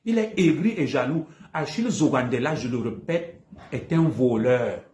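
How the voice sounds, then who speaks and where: A man's voice: medium pitch, animated, normal speed, a little mellow, roomy sound. A man with a Cameroonian French accent, speaking on a livestream in a heated monologue and hammering the same accusations again and again. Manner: combative, repeats accusations emphatically. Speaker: live streamer.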